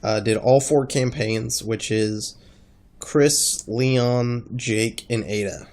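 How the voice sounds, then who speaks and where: A man with a congested, stuffy-nosed voice talking casually in a rambling gaming vlog, halting as he thinks. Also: mid-range voice, darkish tone. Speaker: gaming video creator.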